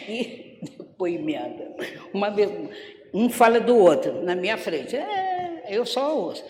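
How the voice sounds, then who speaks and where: An older Brazilian woman giving a spiritist gospel talk, unhurried and storytelling, acting out the voices of people she quotes. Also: mid-range voice, big pitch swings, slight background noise. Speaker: spiritist lecturer. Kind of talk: gospel talk with personal stories. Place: lecture hall of a spiritist center. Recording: echoey hall.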